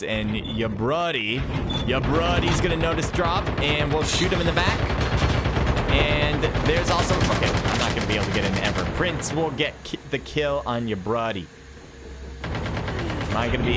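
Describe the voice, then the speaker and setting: A man doing live play-by-play commentary on an esports match, calling action quickly and excitedly with chatty asides to himself. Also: medium pitch, very noisy. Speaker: esports caster. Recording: game gunfire and vehicles behind voice.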